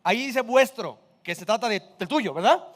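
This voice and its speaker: A man's voice: very high voice, animated, normal speed, fairly bright tone, long reverb tail. A man, preaching a sermon in a casual, conversational way full of rhetorical questions. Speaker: pastor.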